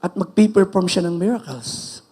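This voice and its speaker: A man's voice: sits high, lively intonation, normal speed, mellow, husky. A man with a Filipino accent preaching a sermon as pastor, emphatic and switching between English and Filipino.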